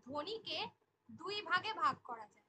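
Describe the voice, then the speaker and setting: A woman's voice: sits high, very animated, normal speed, bright, forceful tone, rough recording. A woman teaching an online exam-prep class, repeating each key definition and asking the class questions. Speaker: Bengali teacher.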